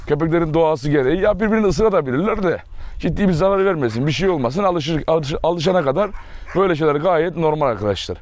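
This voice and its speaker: This man's voice is fairly high yet darkish, and the recording itself sounds dry. Running a dog farm, he talks casually to his vlog audience and affectionately calls his dogs outdoors, where barking fills the noisy background.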